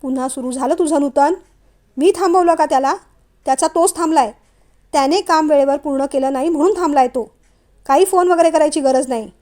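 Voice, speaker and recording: A woman's voice: high voice, normal speed, warm tone, close to an everyday voice. Woman reading as Vishwaraj, a stern father. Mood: irritated. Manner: firm, curt, dismissive. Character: stern strict middle-aged father, blunt.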